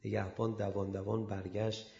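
A man preaching a storytelling sermon, acting out the people in it and swinging from hushed asides to loud emphasis. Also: on the low side, creaky, a little hiss or hum. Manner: animated, acts out quoted speakers. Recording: echoey dull lo-fi room sound.

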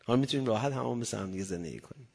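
Impassioned preacher in a reverberant hall. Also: male voice, mid-range voice, animated, vocal fry, slightly rough. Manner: swings from hushed murmurs to loud impassioned cries. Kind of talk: religious sermon.

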